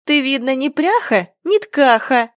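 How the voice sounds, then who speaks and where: Lady doing a smug teasing kid, high voice, close dry mic. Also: animated, measured pace, dry recording. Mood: mocking. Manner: mocking, teasing. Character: mocking boy, cheeky and know-it-all.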